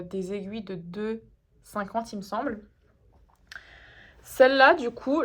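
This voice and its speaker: A young woman chatting casually in a show-and-tell vlog, self-deprecating and full of little fillers. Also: on the high side. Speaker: knitting vlogger.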